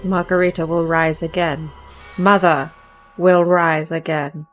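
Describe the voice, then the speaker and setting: A woman playing a creepy cultist who intones slowly and solemnly. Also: low-pitched, little pitch movement, faint music behind. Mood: ominous.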